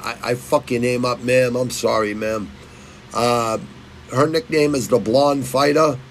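A man's voice: medium pitch, steady tone, a little slow, a bit bright, a little hiss or hum, low-quality recording. A middle-aged man, rambling and swearing through his fight betting picks and stumbling over fighters' names. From Massachusetts. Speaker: fight picks channel host. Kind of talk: casual betting picks talk.

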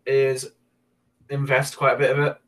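A man's voice: medium pitch, monotone, normal speed, rough recording. Hesitant man chatting on a podcast. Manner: hesitant, lots of ums. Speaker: podcast co-host. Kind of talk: casual chat.

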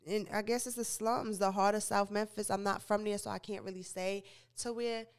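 A woman's voice: mid-range voice, fairly even intonation, moderate pace, clean tone. A young woman hosting a podcast and radio show, giving casual, opinionated entertainment news commentary and often correcting herself. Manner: chatty, opinionated, frequent self-corrections and stumbles.

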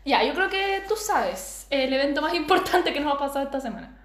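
A woman's voice: high-pitched, sing-song, brisk. A young woman with a Chilean accent, co-hosting a podcast in chatty, slangy banter. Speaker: podcast co-host. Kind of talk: casual chat. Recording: roomy echo.

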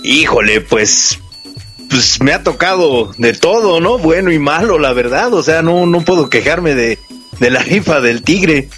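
Mexicano de voz algo aguda, charla relajada. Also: male voice, on the high side, animated, measured pace, a bit bright, faint music behind. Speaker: call-in co-host. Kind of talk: casual slangy chat. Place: on a phone call to a radio show.

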